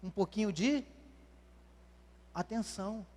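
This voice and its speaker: A man's voice: high-pitched, takes it slowly, darkish tone. A man preaching a sermon as pastor, emphatic, often asking the congregation questions. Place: large church. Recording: long church hall reverb.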